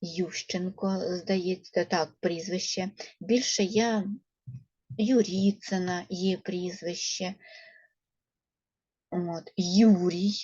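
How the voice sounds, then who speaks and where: A woman teacher with a Ukrainian accent, slowly and patiently coaxing young children through a first-grade reading lesson. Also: lowish voice, warm tone, husky, lo-fi sound. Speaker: primary school teacher.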